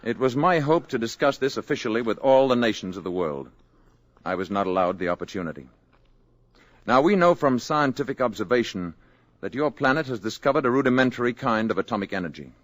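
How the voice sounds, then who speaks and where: An actor playing a calm, grave male alien envoy in human guise, speaking in a measured, formal way in an old radio drama. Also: mid-range voice, no room sound, lightly acted. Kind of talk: 1950s radio acting.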